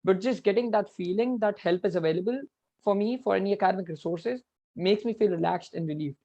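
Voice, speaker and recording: Young male student on a patchy video call that keeps dropping out, gravelly edge, dull lo-fi sound. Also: sits high, brisk, warm tone. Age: young adult. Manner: earnest, checks if he is heard. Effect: video call audio breaking up and dropping out. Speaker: student speaker on a panel. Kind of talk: prepared talk over a video call. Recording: lo-fi call audio cutting in and out.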